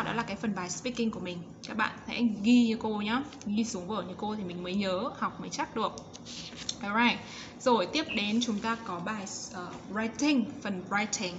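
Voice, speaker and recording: Vietnamese woman teaching English, slow drills. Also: medium pitch. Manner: switches between quick explanations and slow, drawn-out model sentences; encouraging, repeats sounds for pupils. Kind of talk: online English lesson for young children. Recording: slightly dull lo-fi recording with background noise.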